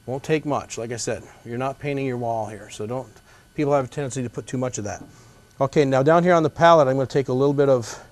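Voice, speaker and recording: A man gives a painting demonstration as a gentle instructor. His voice sits at a medium pitch, and he explains each step in an easygoing, folksy manner.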